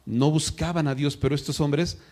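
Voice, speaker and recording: A man's voice: fairly high pitch, steady tone, normal speed, a little mellow. A man preaching a sermon at a church service, asking the congregation questions and acting out the voices he quotes. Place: church service streamed live.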